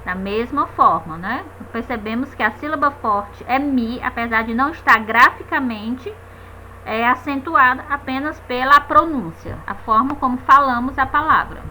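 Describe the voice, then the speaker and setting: A woman's voice: sits high, normal speed, bright, forceful tone, a little hiss or hum, rough recording. A woman teaching a grammar lesson, patiently checking in with her students and stretching out the stressed syllables of example words.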